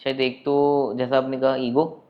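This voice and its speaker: A man hosting a podcast interview, mostly listening with soft hums and speaking in a reflective, hesitant way. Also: mid-range voice, flat delivery, unhurried, muffled recording. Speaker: podcast host.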